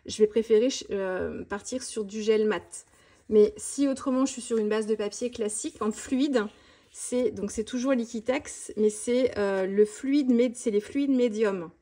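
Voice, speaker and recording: Woman showing her art supplies, rambly and fast, many little restarts. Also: a little high, warm tone. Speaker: mixed-media art vlogger. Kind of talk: casual tutorial chat showing art supplies.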